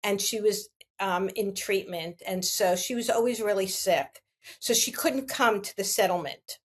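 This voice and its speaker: A woman's voice: medium pitch, unhurried, breathy edge. A middle-aged woman, a real estate agent and guest, telling stories in a casual interview and acting out the dialogue in them. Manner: animated, acts out quoted dialogue.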